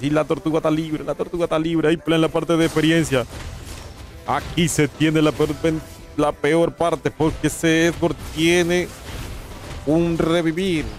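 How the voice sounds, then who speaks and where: A man with a Panamanian accent giving live esports commentary, calling plays and teasing the chat between them. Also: on the high side. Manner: playful, teasing chat with viewers between play-by-play. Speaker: esports caster.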